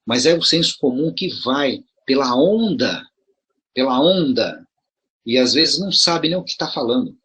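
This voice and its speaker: Middle-aged Brazilian man, very raspy voice, mid pitch, chatty explainer full of rhetorical questions. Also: lively intonation, unhurried, fairly bright tone. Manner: conversational, rhetorical questions, frequent restarts. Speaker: video commentator addressing promoters. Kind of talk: casual explanatory monologue.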